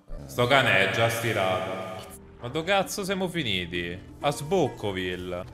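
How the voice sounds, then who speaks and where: Loud swearing Roman streamer. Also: male voice, on the low side, big pitch swings, unhurried, soft background music. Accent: Roman Italian. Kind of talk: gameplay commentary.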